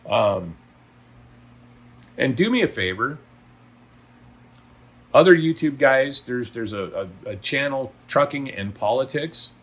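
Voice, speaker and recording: Slow and pausing often, this middle-aged or older trucker's mid-range voice has lively intonation. He vlogs casually for viewers, folksy and blunt, emphatic and opinionated.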